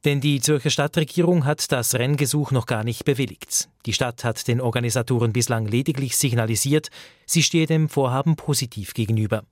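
A man's voice: mid-range voice, fairly quick, no echo, studio quality. A male radio reporter reading a scripted news report in a matter-of-fact way.

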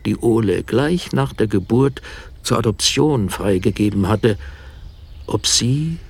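In a radio drama, a middle-aged man tells his wife a haunted first-person story, hushed and often sinking to a whisper. His voice is lowish, gravelly and husky, and he takes his time.

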